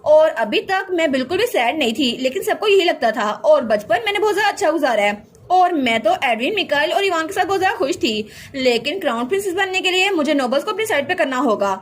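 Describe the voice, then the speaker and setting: A woman's voice: high voice, lively intonation, fast talker, few pauses. A woman reading the lines of an earnest young princess heroine in a plain storytelling voice.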